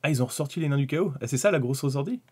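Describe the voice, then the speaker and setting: Husky French man streaming casually. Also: mid-range voice, animated, racing, mellow. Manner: rambling, thinking aloud, with many fillers and restarts. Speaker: miniatures hobby streamer. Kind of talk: casual live-stream commentary.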